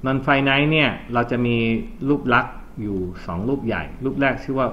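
A man teaching an English lesson in a classroom, loudly drilling words and having students repeat after him. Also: medium pitch, moderate pace. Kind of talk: classroom vocabulary and grammar lesson. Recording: dull lo-fi classroom recording with faint noise.

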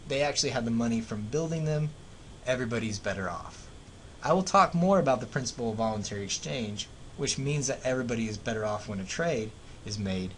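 A man's voice: lively intonation, a little fast, fairly bright tone, rough recording. A man with an American accent lecturing like a professor, explaining economics as a teacher with everyday examples. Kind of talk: classroom lecture narrated over slides. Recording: clear background noise, low rumble.

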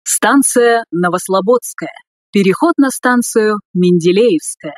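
A woman reading scripted subway announcements in a formal, measured way. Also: mid-range voice, no echo, studio quality.

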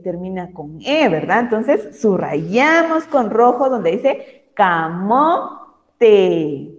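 A woman teaching a primary class of young children over a video call, patient and affectionate, reading words aloud slowly and with emphasis. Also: medium pitch, sing-song, long reverb tail. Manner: affectionate toward pupils.

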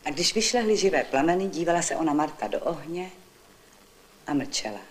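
A woman narrating a literary story in a measured, unhurried reading. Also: low voice, lively intonation, a little hiss or hum.

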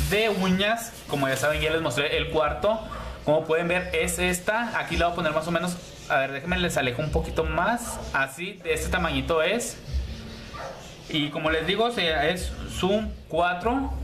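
Man, slightly high voice, casual review vlogger, chatty, hesitant, repetitive, echoey room. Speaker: YouTube beauty channel host reviewer. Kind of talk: casual product review vlog to camera. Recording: roomy echo with background hiss.

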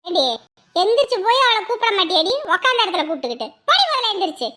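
A domineering cartoon older woman, voiced by a performer, who snaps out harsh orders and threats. Her voice is high and bright, with a hard, scolding edge. She talks down to everyone around her. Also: sing-song, quick pace, exaggerated voice. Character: bossy, bullying older woman in charge of a room. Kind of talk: cartoon comedy dialogue.

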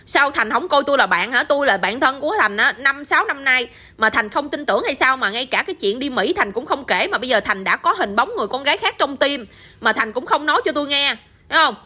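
A woman's voice: high-pitched, expressive, quick pace, bright, forceful tone, full character voice. Woman reading as a reproachful tearful young woman. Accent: Southern Vietnamese. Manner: reproachful, pleading.

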